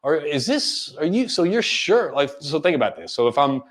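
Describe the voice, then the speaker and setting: A man's voice: a little high, normal speed. A man hosting a live coaching webinar, talking casually and demonstrating different speaking tones, often checking in with listeners. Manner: animated, demonstrates vocal tones, asks listeners questions; casual filler-laden delivery with frequent "right?".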